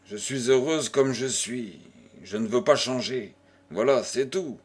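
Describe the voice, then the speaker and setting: A man's voice: mid-range voice, measured pace, darkish tone, slightly rough. A man voicing a proud young widow who firmly refuses a marriage, in a storybook reading. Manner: firm, slightly ironic.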